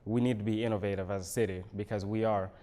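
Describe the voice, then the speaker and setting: Answering a local TV interviewer in the studio, a city council candidate from Senegal speaks with measured deliberation and lots of pauses. His lowish voice is mellow, with fairly even intonation.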